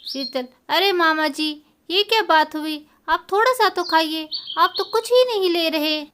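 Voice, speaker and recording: A polite young village daughter-in-law coaxes and answers respectfully, as a woman plays her. The storybook voice is very high and bright, with a tense edge. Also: a little slow, slight background noise. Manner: respectful and coaxing. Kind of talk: storybook voice acting.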